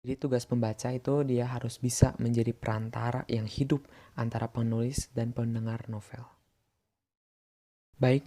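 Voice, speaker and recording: A young man talks through a literature lesson, reading each point from his notes. His voice is dark and mellow with little rise and fall. He stops now and then on filler sounds before going on. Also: mid-range voice. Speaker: presenter explaining a literature lesson. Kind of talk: scripted lesson explanation.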